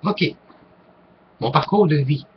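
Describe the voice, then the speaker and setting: A man's voice: on the high side, slow pace, muffled recording, a little hiss or hum. A man with a Québécois accent answering viewer questions to camera, hesitant, with many fillers and restarts. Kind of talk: casual talk to camera.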